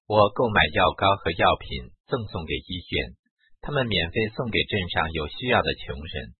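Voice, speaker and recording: A man narrating a spiritual autobiography in a slow, reverent, measured reading style. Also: sits low, big pitch swings, slightly rough, no room sound. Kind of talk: solemn devotional reading. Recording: dry, phone-like narrow band.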